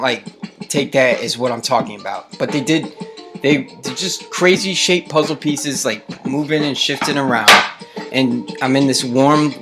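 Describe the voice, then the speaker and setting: A young man talking casually to camera at home, rambling excitedly and swearing, his voice jumping up when he quotes himself. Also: mid-range voice. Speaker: vlogger recounting a trip.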